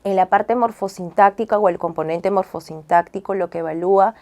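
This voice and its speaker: A woman's voice: mid-range voice, a little fast, darkish tone. A woman speech and language therapist, a guest in an interview, explaining patiently and often checking in with tag questions, sometimes acting out syllable drills. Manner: acts out child sounds with syllable drills.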